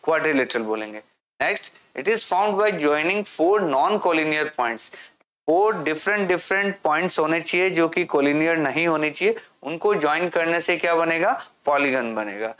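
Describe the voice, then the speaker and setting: During a classroom maths explanation, this man poses questions and supplies the answers on his own, reading English out slowly. His pitch is fairly high, his intonation lively, and his tone fairly bright.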